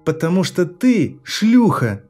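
A man doing a shrill, hysterical teenage boy. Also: very animated, slow, darkish tone, soft background music, heavily acted. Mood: scornful. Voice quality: shrill, breaks into falsetto. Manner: screaming taunts, mocking simpering put-on voice.

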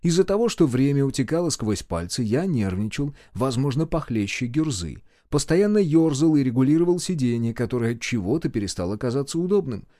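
A man narrating a first-person audiobook in a brisk, wry storytelling manner. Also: medium pitch, big pitch swings, mellow, no echo, studio quality.

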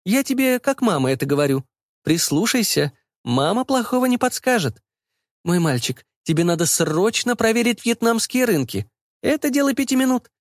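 High, insistent, fussy mother voiced by a male narrator; bossy and doting, big swooping pitch, dry close sound. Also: big pitch swings, moderate pace, no room sound. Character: bossy, doting, meddling middle-aged mother.

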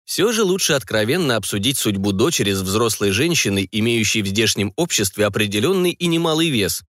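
A man narrating a historical novel in a scripted, expressive reading. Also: fairly low pitch, a little fast, no room sound, clean studio sound. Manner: expressive reading, varied intonation. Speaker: audiobook narrator.

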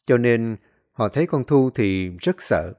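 A man's voice: mid-range voice, expressive, a little slow, a little mellow. A man narrating a dramatic story expressively, acting out the scenes.

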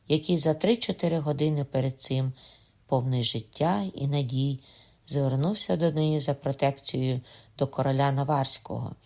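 A man narrating a historical novel, his voice mid-pitched with a noticeable gravelly rasp. The reading is steady and measured, in even storytelling rhythm. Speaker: audiobook narrator. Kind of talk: scripted literary narration.

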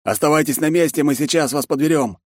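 A man doing a raspy navy captain. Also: on the high side, quick pace, no room sound, studio quality, pitched above the performer's own voice, natural voice. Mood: formal. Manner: formal radio-protocol speech.

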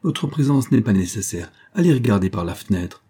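Guy reading as a fretful rich mom, impatient and dramatic, husky dark voice, storybook reading. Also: on the low side, animated, brisk. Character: anxious scheming society mother, middle-aged woman.

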